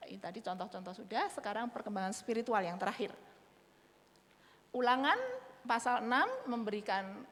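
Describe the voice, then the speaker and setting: A middle-aged woman giving a sermon on parenting, animated, addressing the congregation directly. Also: on the high side, moderate pace, pauses often. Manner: animated, acts out parent-child dialogue. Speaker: speaker on parenting. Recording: hall with long reverb.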